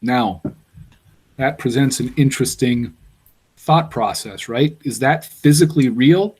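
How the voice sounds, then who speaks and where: A man's voice: mid-range voice, unhurried, darkish tone, breathy edge. A man giving a university engineering lecture, explaining step by step and thinking aloud with fillers.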